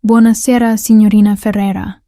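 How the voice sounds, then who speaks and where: A woman's voice: level tone, a little fast, dark tone, no echo, close to an everyday voice. A suave, menacing Italian crime boss, voiced by a woman narrator. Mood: silky, menacing. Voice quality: low and textured. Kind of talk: audiobook character voice.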